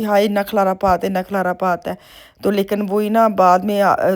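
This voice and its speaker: A woman's voice: medium pitch, darkish tone. A middle-aged woman from Pakistan with a Punjabi accent, chatting in a rambling, homely way as she narrates her daily vlog. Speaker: vlogger. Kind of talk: casual vlog voice-over.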